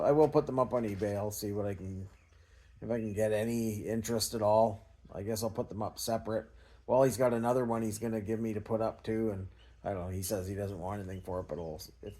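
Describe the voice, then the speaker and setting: This scrap recycling vlogger, a man from small-town Ontario in Canada, rambles through an off-the-cuff vlog, hesitant and modest about himself. He has a lowish, mellow, husky voice.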